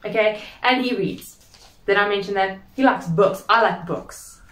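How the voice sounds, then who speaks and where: A woman's voice: mid-range voice, a little slow, a bit bright, roomy sound, far from the mic. A young woman hosting her vlog, chatting casually and playfully. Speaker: vlog host. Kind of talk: casual chat.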